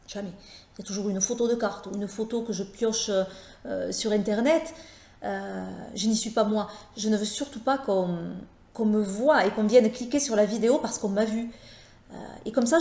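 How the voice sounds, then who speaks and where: A woman with a Southern French accent talking casually to her viewers, hesitant and halting, with many fillers and restarts. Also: on the high side, a little mellow, roomy sound. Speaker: tarot YouTuber. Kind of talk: casual vlog talk.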